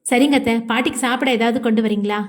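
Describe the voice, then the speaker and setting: Audio-novel part: woman reading a warm-hearted young woman, earnest and firm, with a reassuring tone. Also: fairly high pitch, quick pace, natural voice. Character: young woman, caring, determined granddaughter.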